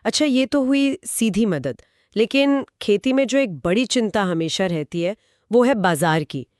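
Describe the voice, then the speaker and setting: A woman's voice: mid-range voice, expressive, a little slow, a little mellow, dry recording, studio quality. A woman co-hosting a scripted explainer chat, asking curious, prompting questions. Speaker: co-host.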